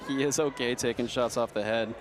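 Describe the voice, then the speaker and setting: A man's voice: mid-range voice, fairly even intonation, a little fast, noisy background. A man giving conversational live boxing analysis as a color commentator.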